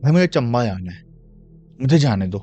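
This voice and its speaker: A man's voice: mid-range voice, very animated, normal speed, mellow, lo-fi sound, faint music behind, natural voice. A man acting out a dazed, pleading young man. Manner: insistent repeated pleading.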